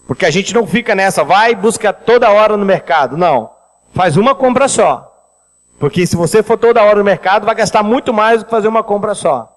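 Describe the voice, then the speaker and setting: Pastor guy with a high voice, chatty, talks right to the pews, big echoey church. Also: brisk. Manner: lively, addresses the congregation directly. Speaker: pastor leading a finance seminar. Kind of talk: sermon with storytelling.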